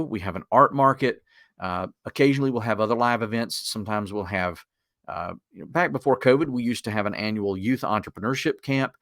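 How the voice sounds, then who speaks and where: A man's voice: medium pitch, fairly bright tone, no room sound, clean studio sound. A man with a Southern Appalachian accent giving an informal, conversational instructional webinar in a folksy manner. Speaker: webinar presenter.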